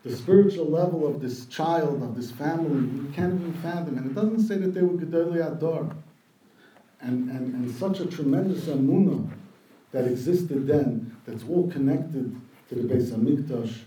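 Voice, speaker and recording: A man's voice: a little high, normal speed, mellow, echoey room, far from the mic, a little hiss or hum, rough recording. A man giving a sermon, retelling a midrash and translating Hebrew quotes as he goes. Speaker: rabbi giving a talk.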